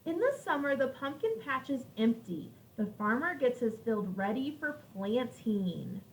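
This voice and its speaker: A woman teacher reads aloud to young children, using simple words to explain things and asking them questions. Her voice is fairly high, very animated, unhurried and creaky. The microphone is distant, with faint background noise.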